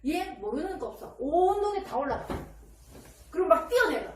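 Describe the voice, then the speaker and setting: A woman giving parenting advice in casual counseling talk, lively and animated, often acting out a child's voice. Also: very high-pitched, normal speed. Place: counseling room indoors. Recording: echoey room from a distance, faint ambient noise.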